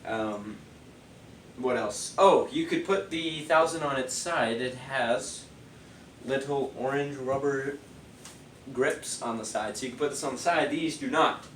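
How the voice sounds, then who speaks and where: Sounding stuffy and sniffly from a cold, a product reviewer talks through some party speakers in a loose, meandering way full of fillers. His medium-pitched voice runs a little slow, picked up from a distance in an echoey room with slight background noise.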